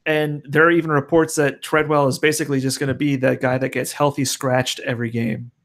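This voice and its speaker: A man's voice: mid-range voice, level tone, brisk, fairly bright tone. Laid-back, foul-mouthed male podcast co-host. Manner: laid-back, swears freely. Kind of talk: casual sports chat.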